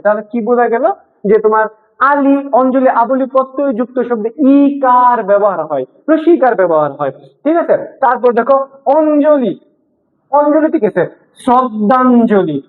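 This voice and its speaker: A young male teacher walks students through a lesson, breaking words apart slowly and repeating them, then asking whether they follow. His voice comes through a narrow, phone-like channel. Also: very high-pitched. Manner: explains slowly, repeating words and asking questions to check understanding. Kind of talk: classroom lesson.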